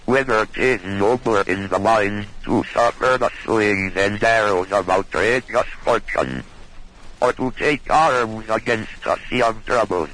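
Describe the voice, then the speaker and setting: A man's voice: lowish voice, fairly bright tone, rough recording. An early speech-synthesis computer with a stiff, male-sounding robotic voice.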